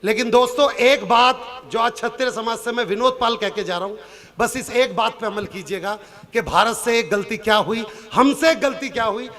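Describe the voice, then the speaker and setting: Male stage comic poet, piercing high pitch, storytelling for a live show. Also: moderate pace, fairly bright tone. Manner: acts out characters' lines in shifted voices; turns earnest and preachy near the end. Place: outdoor or hall stage before a live audience.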